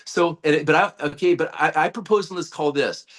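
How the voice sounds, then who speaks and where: Rambling man pitching on a call. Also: brisk, fairly bright tone. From United States. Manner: rambling, many fillers and restarts, hype-driven. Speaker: guest, network-marketing leader. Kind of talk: sales pitch on a group call. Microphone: video call.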